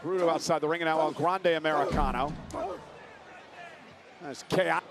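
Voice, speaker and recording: A man working as a wrestling commentator, calling live moves in exclamatory bursts that move between conversational remarks and shouts. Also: on the high side, steady tone, normal speed, music in the background. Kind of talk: excited live wrestling play-by-play and banter. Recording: loud arena noise behind the voice. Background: noisy wrestling event.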